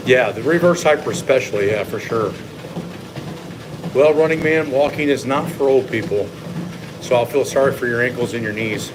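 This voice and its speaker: Walking on a treadmill during a livestream, this man coaches viewers casually, explaining and offering his views as a fitness coach running a live Q&A. He speaks at a moderate pace in a mid-range voice, and the steady hum of the machine is clearly audible under his words.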